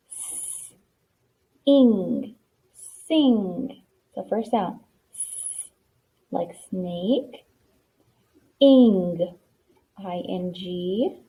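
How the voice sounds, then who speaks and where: A woman's voice: medium pitch, dark tone, husky. A woman teaching a spelling lesson, patient and encouraging, sounding out letters one by one. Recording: tinny lo-fi phone-like sound.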